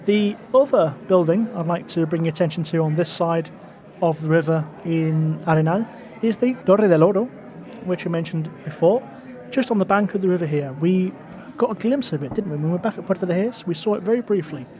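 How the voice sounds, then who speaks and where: A high-voiced man with a dark, mellow tone guides listeners on a walking tour. He talks in a loose, rambling way, full of fillers and asides, recorded outdoors on a city street. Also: brisk. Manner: chatty, digressive, full of fillers. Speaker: podcast host and tour guide.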